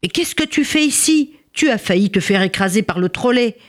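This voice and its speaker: Storybook part: woman playing a big bearded rescuer, booming and animated. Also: normal speed, natural voice. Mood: concerned, rousing.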